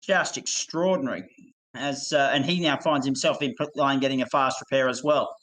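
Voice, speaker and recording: A man's voice: mid-range voice, normal speed, fairly bright tone, rough recording. A man calling a sim race live, enthusiastic and florid, handing over to his co-commentators.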